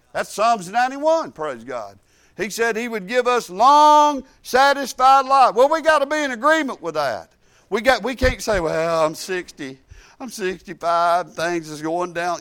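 A middle-aged church speaker with a high, fairly bright voice gives a sermon testimony. His delivery is fervent and folksy, sprinkled with hallelujahs.

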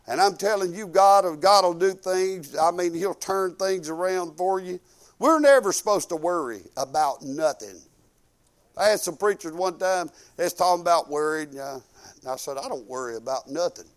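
A Southern US man in his fifties delivers an informal sermon full of personal anecdotes and prayer, his voice high-pitched and his speed normal. He's folksy and conversational, sprinkling in praise exclamations and swinging emphatically from quiet asides to loud declarations.

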